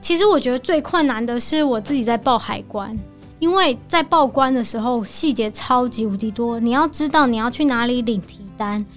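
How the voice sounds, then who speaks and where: A woman guest with a Taiwanese Mandarin accent, telling a story in animated, exasperated casual chat. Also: on the high side, moderate pace. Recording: studio with light background music.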